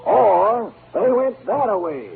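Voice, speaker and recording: Swooping, cocky radio detective Sam Spade. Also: male voice, sits high, sing-song, slow pace, creaky, over loud music, exaggerated voice. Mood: boastful. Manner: wisecracking, theatrical, mock-grand. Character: flippant, cocky male private detective, teasing and flirtatious. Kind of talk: 1940s-50s radio detective comedy acting. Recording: tinny, noisy old radio broadcast recording.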